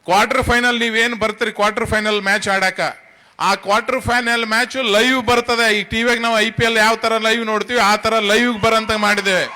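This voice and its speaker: A middle-aged tournament organiser from Karnataka, India, speaks publicly at his event with a North Karnataka accent. His high voice has a bright, forceful edge, and his delivery is emphatic and colloquial as he addresses the listeners directly.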